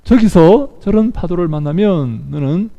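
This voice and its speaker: A man's voice: sits high, lively intonation, measured pace, creaky, dark tone, long reverb tail, dull audio, heavily acted. A male pastor voicing an old fisherman father earnestly warning his son.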